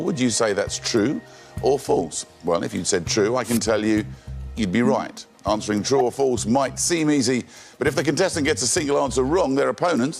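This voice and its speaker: A man hosting a studio quiz show, steady in pitch and quick to joke with his players. He chuckles between questions, and a faint bed of show music sits under his voice. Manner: brisk, jokey, chuckles between lines.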